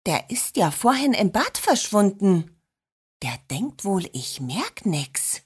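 A woman's voice: medium pitch, sing-song, slow, breathy edge, heavily acted. A woman voicing a cheeky grandmother who scolds and plays pranks, switching to a sugary-sweet tone. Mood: scheming. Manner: mock-stern, then sugary sweet.

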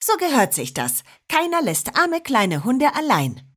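Woman doing a brisk, caring storybook grandma, over 60, husky and lively in pitch. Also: full character voice. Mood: resolute. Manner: brisk, resolute. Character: determined, caring old grandmother.

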